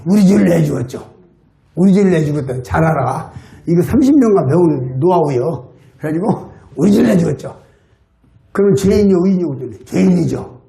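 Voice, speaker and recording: A man preaching in a Jeolla Korean accent, his voice set high and swinging widely as he tells stories. He plays out both sides of each conversation. His tone ranges from quiet to fervent shouting. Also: creaky, reverberant. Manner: animated, acts out dialogue with high excited voice. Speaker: lay preacher. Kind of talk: sermon with acted-out anecdotes. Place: church hall.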